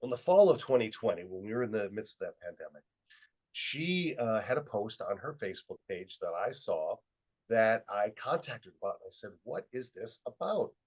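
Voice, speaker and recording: A middle-aged man presenting a webinar, telling an anecdote in a lively way and acting out quoted dialogue, speaking into a computer mic on a video call. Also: fairly low pitch, normal speed, low-quality recording. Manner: lively storyteller who acts out quoted dialogue. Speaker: webinar presenter and student leadership trainer.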